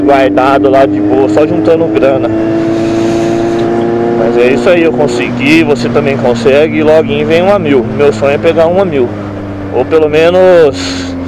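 A man vlogging from his motorcycle, talking exuberantly and often shouting over the engine. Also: a little high, normal speed. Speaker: motovlogger. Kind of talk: excited motorcycle vlog narration. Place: outdoors on a moving motorcycle on highway. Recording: loud wind and engine noise. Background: motorcycle engine and wind roar.

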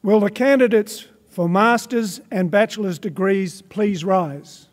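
A man's voice: high voice, unhurried. An older man making formal, stately announcements at a graduation ceremony, reading titles with small stumbles into a podium microphone in a large arena. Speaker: master of ceremonies. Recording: long reverb of a large hall.

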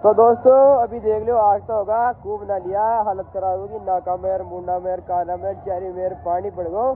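A young man vlogging in a casual, joking and excited way. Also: high voice, moderate pace, narrow, tinny audio, music in the background. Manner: excited, joking, laughing often. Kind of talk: casual vlog chat.

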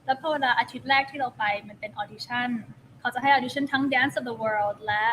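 A woman's voice: a little high, steady tone, moderate pace, a bit bright, slight background noise, poor audio. A woman from the United States, a pageant contestant as interview guest, slipping English phrases into her talk. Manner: mixes Thai with English phrases. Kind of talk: casual chat interview.

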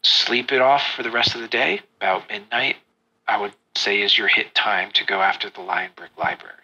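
A sly, scheming spymaster who keeps his voice low and hushed, bright in tone, as a man puts him on. The sound is slightly dull and lo-fi, as if from a modest home recording. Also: fairly even intonation, a little fast, husky, heavily acted. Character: sly adult male spymaster posing as a drunk.

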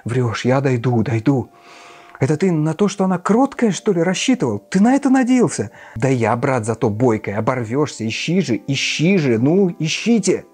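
A man reading an audiobook, voicing a desperate, sick widow who shouts hoarsely and pleads. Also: sing-song, normal speed. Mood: frantic demanding. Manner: high, pleading, pushy. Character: frantic consumptive widow, shrill and desperate.

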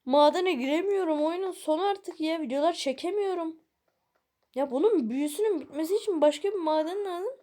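A gaming video creator gives casual let's-play commentary, grumbling at the game in exasperation and speaking directly to her viewers. Her voice is extremely high, fairly quick and dark in tone.

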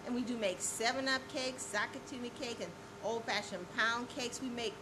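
An older woman with a slightly raised pitch talks her way through the bakery in a chatty, storytelling manner. She restarts sentences often. A loud hiss of noise sits under her voice in this camera recording. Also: steady tone, normal speed. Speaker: bakery owner. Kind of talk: casual interview chat. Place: small indoor bakery office and kitchen.

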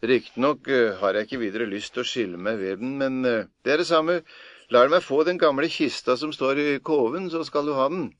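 A man's voice: medium pitch, fairly bright tone, no room sound, highs cut off, lightly acted. A man voicing a sly, cheeky young farm lad in a folk tale, talking in a cocky, nonchalant way. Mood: bargaining.

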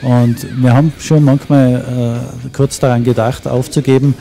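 Earnest man with a mellow voice. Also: medium pitch, fairly even intonation, normal speed, gravelly, soft background music. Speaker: project initiator. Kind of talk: event interview. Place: indoor event hall. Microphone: handheld mic.

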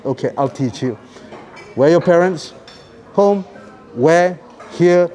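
A playful man with a slightly high voice teases the people around him, quick to poke fun at himself. He talks casually in an indoor cafe, picked up by a camera mic. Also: mellow. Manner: playful, teasing, self-mocking. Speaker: vlog host interviewing cafe guests. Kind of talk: casual teasing chat.

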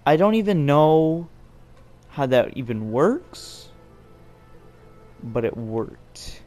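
A young man giving jokey, excitable, self-mocking commentary while playing a game. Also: a little high, very slow, soft background music. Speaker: gameplay commentator. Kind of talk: let's play commentary.

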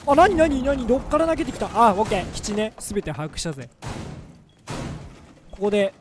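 Brief: male gameplay commentator, playful and jokey, lively swooping delivery, sudden yelps in tense moments. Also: sits high, fast talker, noisy background. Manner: excitable, jokey, bursts into loud yelps during fights. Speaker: gaming commentator. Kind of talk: let's-play game commentary.

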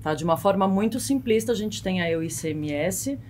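The Brazilian-accented podcast guest, a woman in her thirties, sounds expressive and a bit fast, with a medium-pitched, darkish voice. Explaining as an expert, she keeps checking in with short tag questions, recorded on a close boom-arm mic in a small foam-padded studio with slight background noise.

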